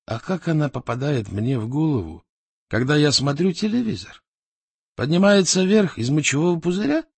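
A brooding, stubborn warlord from a storybook, voiced by a male reader, raised a little above the narrator's pitch. He presses his questions slowly and insistently in a husky voice. The recording is dry and close. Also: animated, a little mellow, no room sound, heavily acted.

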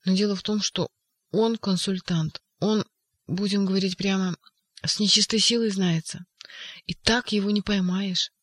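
Reader doing a frantic young poet guy, yelling, insistent, super dry sound. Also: mid-range voice, steady tone, moderate pace, no echo, lightly acted. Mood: agitated. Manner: shouting, insistent outbursts. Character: agitated young male poet, frantic and defiant. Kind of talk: audiobook character voice.

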